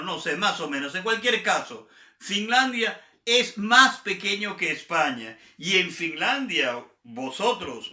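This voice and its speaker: A man from Venezuela with a Venezuelan Spanish accent, teaching a Spanish grammar review lesson, slowly repeating and spelling out example words. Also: high voice, sharp tone, reverberant.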